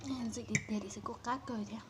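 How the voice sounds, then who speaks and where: Woman telling a story over loud noise. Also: fairly high pitch, fairly even intonation, fast talker.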